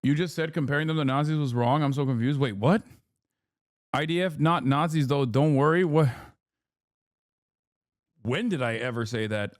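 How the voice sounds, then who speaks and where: A man's voice: mid-range voice, no room sound, clean studio sound. A man in his thirties streaming, reacting to an interview with heated, profane, incredulous commentary. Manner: fast, profane, incredulous rants.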